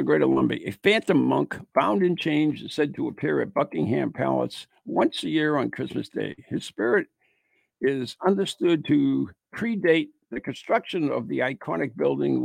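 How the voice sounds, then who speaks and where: Gravelly, husky man reading ghost tales. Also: no echo. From United States. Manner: chatty, joking, slips into playful high voice. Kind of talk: casual chat, reading ghost stories aloud.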